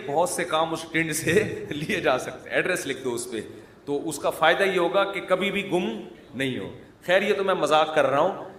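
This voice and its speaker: A man's voice: mid-range voice, fairly bright tone, a little hiss or hum. A man from Pakistan, giving a humorous sermon, mixing jokes with earnest advice and answering his own questions. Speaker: Islamic preacher. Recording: echoey hall with faint ambience.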